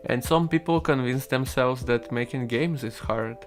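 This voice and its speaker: A young man whose first language is Russian streams as a solo game developer, chatting casually and rambling with viewers while he codes, occasionally swearing. His voice is medium-pitched at a moderate pace, with faint music in the background.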